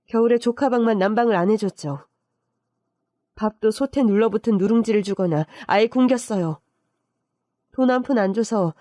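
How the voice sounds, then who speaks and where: A woman narrating a listener's story with an emotive storytelling manner. Her voice is mellow and warm, and the recording is dry and close. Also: medium pitch, no echo.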